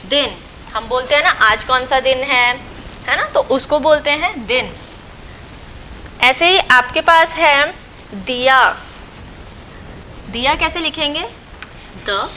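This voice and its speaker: Slow, bright-voiced woman teacher. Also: high voice, slight background noise, low-quality recording. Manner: slow, patient, repeats and asks questions then answers them. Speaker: school teacher. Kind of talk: recorded online lesson for young children.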